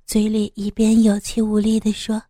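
A woman narrating a gritty action story in a steady, vivid, suspenseful reading style. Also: medium pitch, moderate pace, dry recording, studio quality. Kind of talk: dramatic audiobook narration.

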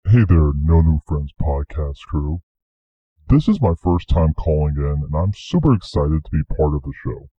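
Man through a deep voice changer. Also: animated, normal speed, husky, no echo. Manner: upbeat, gushing fan message. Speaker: voicemail caller. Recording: muffled voicemail playback.

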